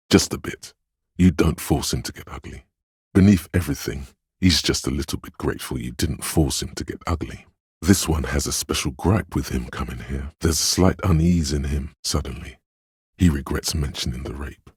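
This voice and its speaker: An inner voice of empathy in a narrative video game, extremely deep and heavily husky. He reads people calmly and perceptively, with measured, knowing deliberation. The sound is close and dry, like scripted second-person narration. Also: dry recording, full character voice. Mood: grave, compassionate. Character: calm, perceptive inner voice of empathy, adult man.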